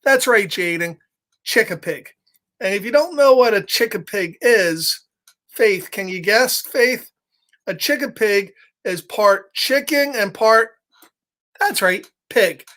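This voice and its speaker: A man hosts children's storytime on a livestream, chatting playfully and addressing young listeners directly while reading them a story. His high, bright voice is forceful and lively in intonation, and he takes things slowly.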